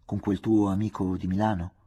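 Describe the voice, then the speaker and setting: A man with a husky voice reading the part of an aging father, kindly, fretful and confiding. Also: sits low, flat delivery, fairly quick, warm tone, lo-fi sound. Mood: curious. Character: aging father, anxious, gentle, talkative.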